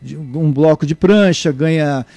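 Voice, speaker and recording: A middle-aged man from Brazil, a guest surfer and surf instructor, answering interview questions in a halting way with many restarts. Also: on the high side, vocal fry, warm tone, dry recording. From Brazil (born in Salvador, raised in Niterói). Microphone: remote mic, at first too far away.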